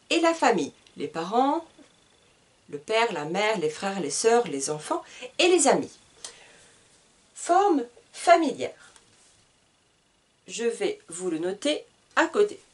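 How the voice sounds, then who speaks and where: A woman from France teaching a beginner French lesson, speaking slowly and deliberately and repeating each example question. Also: a little high, far from the mic. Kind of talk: slow, deliberate language lesson.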